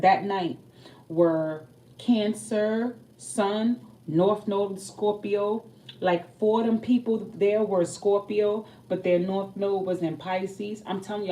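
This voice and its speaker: A young woman with a low, mellow voice chats in a loose, streetwise way while she reads tarot cards. She gets lively when she tells stories. She sits a little away from the mic, and there is a faint hiss behind her. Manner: chatty, streetwise, animated when telling stories. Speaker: tarot reader. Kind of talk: casual chat and tarot reading. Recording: voice a bit far from the mic, faint background noise.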